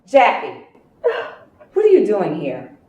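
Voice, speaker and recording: A woman playing a domineering church mother, echoing loudly. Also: medium pitch, wildly swooping pitch, takes it slowly, far from the mic, highs cut off. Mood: startled. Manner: scolding, domineering, shouting. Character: controlling overbearing church first-lady mother. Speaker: pastor's wife and mother. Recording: very echoey room, faint hiss.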